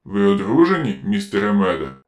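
A cold, mechanical police-car voice, as a male narrator puts it on, metallic and lowish in pitch. It barks short, curt commands and questions like an interrogation machine in an audiobook tale. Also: sing-song, fairly quick. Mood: cold commanding. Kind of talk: audiobook reading.

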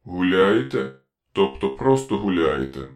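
A man's voice: low voice, big pitch swings, unhurried, soft background music, full character voice. A man voicing a driverless police car that interrogates in a cold, metallic, mechanical voice, curt and commanding, in an audiobook story. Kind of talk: audiobook reading.

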